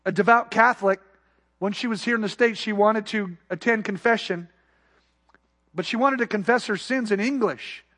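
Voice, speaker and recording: Man, pastor, sermon, high-pitched voice, emphatic then hushed delivery. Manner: preaching with rising emphasis and soft, quiet asides.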